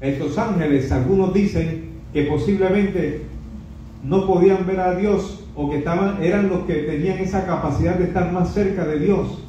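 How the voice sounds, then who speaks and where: A man's voice: high-pitched, moderate pace, dark tone, a little hiss or hum. A man preaching a Bible study sermon emphatically, heard from a distance in a very echoey space. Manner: emphatic, dramatizes scripture quotes. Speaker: pastor teaching a Bible study. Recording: echoey, distant, dull sound.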